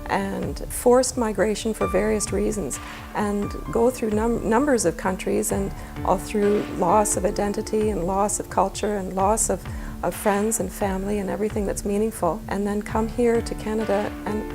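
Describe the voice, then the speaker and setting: A woman who is a clinical manager speaking earnestly in a documentary interview, measured and repeating words as she thinks. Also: medium pitch, fairly even intonation, vocal fry. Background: music.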